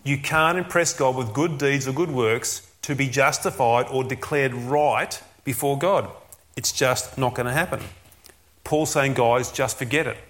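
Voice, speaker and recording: A man's voice: mid-range voice, measured pace, a bit bright. A man preaching a sermon as a pastor, earnest and emphatic, often asking rhetorical questions.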